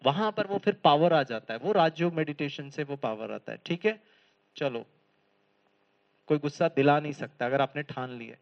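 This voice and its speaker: In a lecture hall, a high-voiced spiritual lecturer gives a lively, talkative motivational talk packed with humorous stories and quick questions to the audience. The recording sounds slightly dull and lo-fi.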